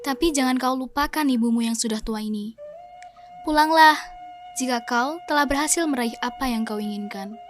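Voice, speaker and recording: A tender, aging village mother played by a woman speaks in gentle, formal radio drama lines. Her voice is high, and music is clearly heard underneath. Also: normal speed, natural voice. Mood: resigned, tender. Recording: music bed behind the voice.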